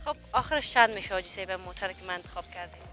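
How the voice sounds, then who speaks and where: Bright-voiced young Afghan woman chatting. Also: medium pitch, animated, faint music behind. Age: young adult. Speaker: journalist and car buyer. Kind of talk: casual conversation, bargaining.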